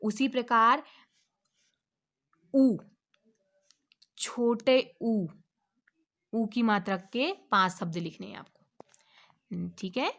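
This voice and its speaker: A woman teaching an alphabet lesson to children, asking questions and answering them herself, drawing out each letter slowly. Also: fairly high pitch, fairly bright tone. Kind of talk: online Hindi lesson for children.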